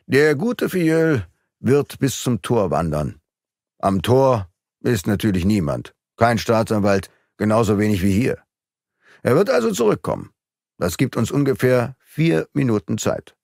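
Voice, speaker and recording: A cold, mocking villain from an audiobook, put on by a male reader, spitting out clipped, pressing syllables. The voice climbs and falls with lively swings. The sound is dry and close. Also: medium pitch, measured pace, creaky, no echo. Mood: menacing. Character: menacing, mocking male court clerk villain with a revolver.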